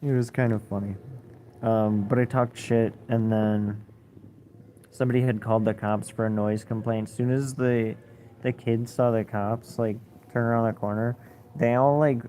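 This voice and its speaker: A man's voice: mid-range voice, fairly even intonation, normal speed, mellow, a little hiss or hum. A young man telling a rambling, profane story in a casual way, full of fillers.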